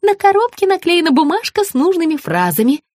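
A woman putting on a gushing high-pitched admirer. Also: very animated, takes it slowly, no echo, exaggerated voice. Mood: fussy. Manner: gushing, exclamatory.

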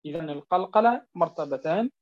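A man teaching a Quran recitation lesson, repeating each point and often asking whether it is clear. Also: on the high side, expressive. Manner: drills words slowly, stretching them out. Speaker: tajweed teacher. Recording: dull lo-fi recording.

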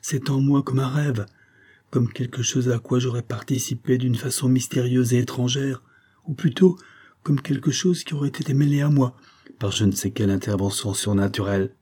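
A man's voice: medium pitch, normal speed, dark tone, slightly rough, pitched above the performer's own voice, lightly acted. A man voicing a bewildered young woman back from death, speaking in a trembling, pleading way. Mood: anguished.

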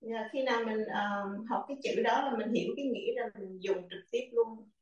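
A woman's voice: fairly high pitch, fairly quick, darkish tone. A woman, an English teacher in the class, answering the teacher hesitantly with fillers. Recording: very echoey, distant, dull sound.

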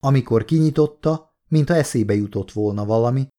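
A man reading a novel as an audiobook in steady, measured narration. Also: medium pitch.

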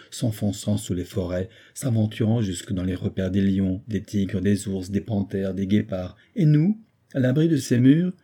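A man reading an audiobook, voicing an excitable, enthusiastic hunting captain who talks in bursts of exclamation. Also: low voice, husky. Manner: exclamatory, eager, boisterous.

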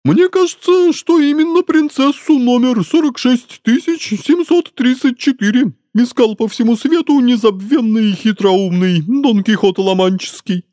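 A man's voice: very high-pitched, unhurried, hardly any pauses, dark tone, no echo, studio quality, voice pushed up. A man voicing an old talking horse that speaks to its rider in a friendly, confiding way. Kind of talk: storybook reading.

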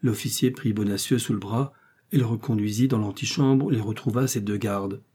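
A man narrating a classic novel as an audiobook, reading in a measured, steady way. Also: on the low side, slightly rough. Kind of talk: scripted narration.

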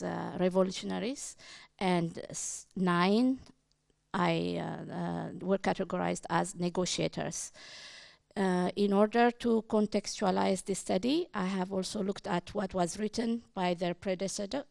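Gravelly-voiced woman giving an academic talk. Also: fairly low pitch, darkish tone, no echo. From Ethiopia. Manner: hesitant, many fillers and restarts. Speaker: conference speaker, independent researcher. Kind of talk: academic conference presentation.

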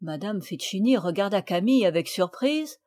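A woman narrating a children's classic as an audiobook, with a clear, expressive reading. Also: medium pitch, normal speed. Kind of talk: storybook reading.

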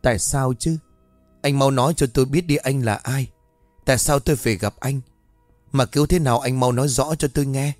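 A man's voice: mid-range voice, moderate pace, darkish tone, no echo, soft background music, lightly acted. A male narrator voicing a frightened young woman, his voice lifted and pleading. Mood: urgent.

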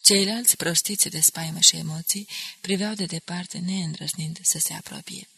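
Gravelly woman narrating an audiobook. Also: lowish voice, steady tone, bright, forceful tone, no echo. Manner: measured, dramatic reading.

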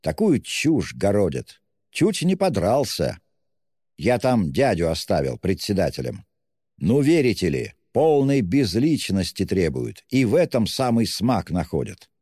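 A man voicing a drunk, excitable young man who shouts and gushes, fiercely self-abasing in a storybook reading. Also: fairly low pitch, measured pace, breathy edge, no echo, clean studio sound, long reverb tail, full character voice. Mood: ranting. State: tipsy.

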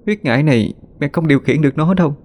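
Male narrator as a drained young daughter, higher, weak pleading. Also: fast, a little mellow, slight background noise, natural voice. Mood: begging. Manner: faint, pleading. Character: weak pale young woman.

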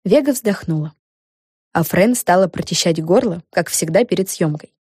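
Brief: woman reading a children's audiobook, mellow and lowish, dry close sound. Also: animated, normal speed, husky, no room sound. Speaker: narrator.

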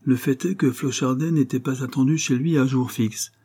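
Husky, mellow male audiobook narrator. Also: medium pitch, moderate pace. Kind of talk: audiobook narration of a classic novel.

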